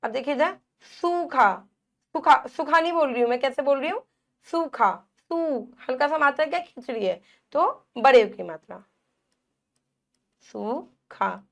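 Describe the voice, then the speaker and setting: A woman's voice: sits high, expressive, a little fast. A woman teacher giving a Hindi phonics lesson to young children, repeating words and stretching the vowel sounds, asking questions and answering them herself.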